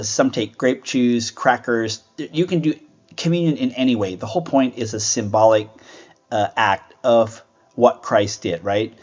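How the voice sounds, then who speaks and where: A man's voice: medium pitch, darkish tone. A man hosting a Bible teaching show, talking earnestly and conversationally and asking rhetorical questions. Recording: dull lo-fi sound.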